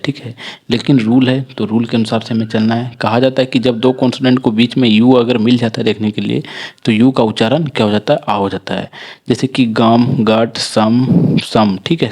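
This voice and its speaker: A man teaching English pronunciation rules, explaining each rule and spelling out example words slowly, often stopping to correct his own slips. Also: mid-range voice, a little mellow, husky. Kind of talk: spoken phonics lesson.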